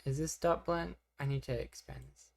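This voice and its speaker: A young woman with an exceptionally low voice chats casually on a live stream. She rambles, reacts to her chat, and teases herself between tasks, all at a relaxed pace. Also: moderate pace, creaky.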